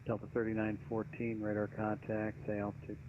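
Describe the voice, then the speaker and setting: A man's voice: fairly low pitch, completely flat delivery, a little fast. A man working as an air traffic controller, giving procedural instructions over aviation radio. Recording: dull, noisy aviation radio.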